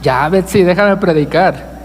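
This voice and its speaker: A man's voice: sits high, unhurried, long reverb tail, background noise. A male pastor preaching a sermon, asking the congregation questions and joking with them. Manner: asks the congregation questions, jokes with listeners. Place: church sanctuary.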